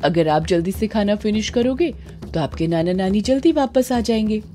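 A woman voicing a gentle young mother who softly coaxes her daughter in a storybook tale. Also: medium pitch, expressive, normal speed, soft background music, close to an everyday voice. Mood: coaxing. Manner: soft and coaxing.

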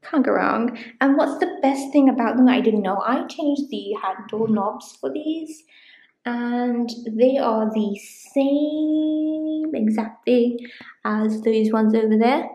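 A rambling, chatty woman with a somewhat high voice, talking through a casual home tour for her vlog. Her voice rings around a small room at home, and it comes back noticeably echoey. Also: takes it slowly, dark tone. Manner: chatty and rambling, with frequent ums and likes. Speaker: vlogger.

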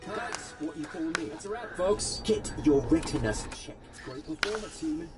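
A man's voice: fairly high pitch, lively intonation, normal speed, music in the background, lightly acted. A man voicing a cheerful, chatty robot in a video game who politely calls the player "human" while giving instructions. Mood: chipper. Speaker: game guide.

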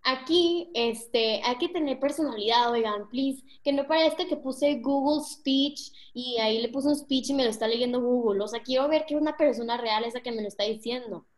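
A woman's voice: a little high, normal speed, hardly any pauses. A young woman with a Mexican accent giving a casual online talk on public speaking, slangy and speaking straight to her audience. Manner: chatty, slangy, addresses the audience directly.

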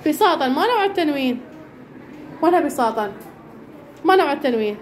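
A woman teacher with an Iraqi Arabic accent, leading a classroom lesson and briskly quizzing pupils by name. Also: sits high, expressive. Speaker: primary school teacher. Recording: echoey classroom with background noise.

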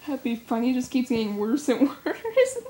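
A woman's voice: high voice, big pitch swings, normal speed, mellow. A young woman co-hosting a casual fan chat, rambling and giggly as she speculates. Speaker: comic fan co-host.

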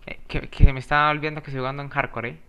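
A man's voice: fairly high pitch, little pitch movement, very fast, fairly bright tone, clear, resonant tone. A young man giving casual gameplay commentary, swearing often and breaking into jumpy outbursts while he chats to the monsters. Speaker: gamer.

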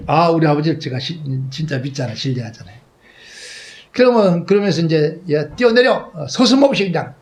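Male pastor, sermon storyteller, acts out dialogue, wide loud-to-soft swings. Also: on the high side. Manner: swings between loud exclaims and soft trailing asides.

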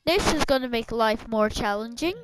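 A young woman with a slightly high voice chats casually with a friend while gaming, speaking at a normal speed against a noisy background. She comes across as bossy and swears a lot during the gameplay banter.

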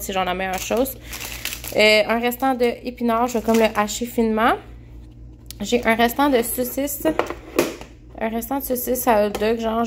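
A woman's voice: fairly high pitch, slight background noise. A young woman with a Québécois accent chatting casually to camera in her home kitchen, full of fillers and restarts. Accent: Québécois French. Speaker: vlogger. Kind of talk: casual meal-prep chat to camera.

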